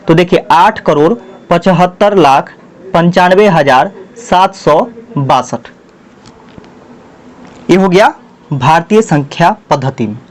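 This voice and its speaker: A male math teacher with a Bihari Hindi accent, slowly dictating numbers word by word while explaining a lesson at the board. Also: on the high side, expressive.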